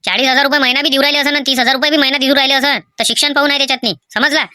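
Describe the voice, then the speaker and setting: A performer voicing a fussy middle-aged village farmer with a Vidarbha Marathi accent, lecturing and bossing people around in a cartoon comedy. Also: female voice, sits high, fairly even intonation, very fast, no room sound, clean studio sound. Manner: lecturing, fussy, shouts orders.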